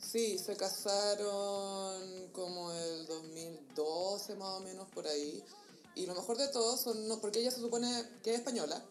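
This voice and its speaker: A woman with a Chilean accent co-hosting a podcast, telling celebrity gossip in an animated, slangy way. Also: mid-range voice, measured pace, echoey room. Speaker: podcast co-host. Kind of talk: casual gossip chat.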